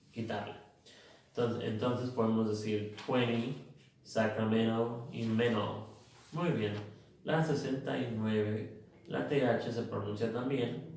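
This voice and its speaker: A man teaching English pronunciation in a slow, methodical way, drilling word lists one by one. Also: mid-range voice, a little mellow, slight background noise. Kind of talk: recorded phonics lesson. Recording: echoey room, mic far off.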